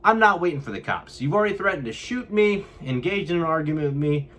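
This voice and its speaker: A man's voice: a little high, animated, quick pace, fairly bright tone. A young man from California, telling a vlog story to camera and acting out what others said. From California, USA. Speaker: vlogger.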